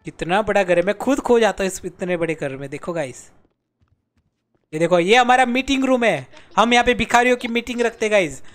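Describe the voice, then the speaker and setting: A man's voice: high-pitched, brisk, fairly bright tone, faint music behind. A young man streaming a game, commenting live in a playful, jokey way with mock-dramatic pleading. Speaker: gaming streamer.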